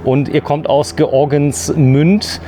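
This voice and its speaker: Strolling through a show house, a male TV presenter does an informal walk-through interview full of jokes. His voice is on the high side, level, slow and mellow, with a little hiss or hum on the recording.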